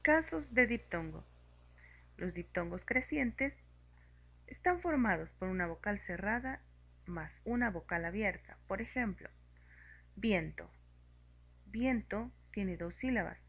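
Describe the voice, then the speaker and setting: Slow, methodical woman teacher, gravelly edge. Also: mid-range voice, lively intonation, a bit bright. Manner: slow, clear and methodical, spelling out examples. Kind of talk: grammar lesson narration.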